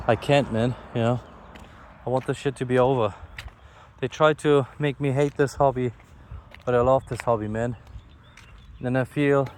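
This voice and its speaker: Recording on his phone as he walks along a street, a German-accented vlogger short on sleep talks casually with a medium-pitched, somewhat dark voice. He speaks frankly, curses, and mocks himself. Traffic and general outdoor sounds, including passing cars, are audible.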